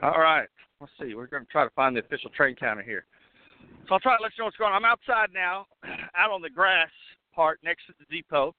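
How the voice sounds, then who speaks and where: A man hosting a casual live call-in show while roving outdoors at an event, talking with many fillers and restarts, coughing and clearing his throat now and then. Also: on the high side, lively intonation, fairly quick, no echo. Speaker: host. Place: outdoors at a railway depot event. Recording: tinny phone line, dry.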